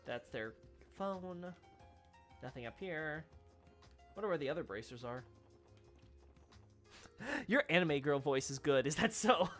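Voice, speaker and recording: A woman's voice: low voice, lively intonation, a little slow, pauses often, fairly bright tone, faint music behind. A woman chatting casually as she streams a game. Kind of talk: casual livestream chat.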